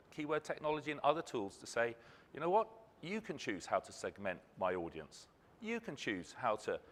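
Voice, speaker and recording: A man's voice: mid-range voice, fairly bright tone. Man presenting in a reverberant hall. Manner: rhetorical questions, emphatic phrasing. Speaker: ad technology company speaker. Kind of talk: conference presentation.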